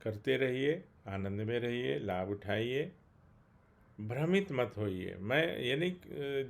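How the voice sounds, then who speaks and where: Slow, gravelly-voiced man giving spiritual talk. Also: fairly low pitch. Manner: earnest and emphatic, repeats key phrases; slow chant-like invocations. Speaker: spiritual teacher. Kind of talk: daily spiritual talk with recited prayer.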